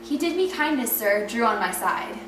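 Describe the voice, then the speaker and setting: A woman's voice: a little high, expressive, normal speed, noisy background, close to an everyday voice. A young woman playing a devoted disguised page. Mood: earnest. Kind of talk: amateur Shakespeare performance. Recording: echoey room, far from mic, music behind.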